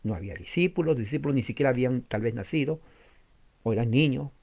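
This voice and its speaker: A man's voice: medium pitch, fast talker, darkish tone, slightly rough. A man preaching a sermon in a teaching manner. He asks the listeners many questions, repeats key words and jumps up in emphasis. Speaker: pastor.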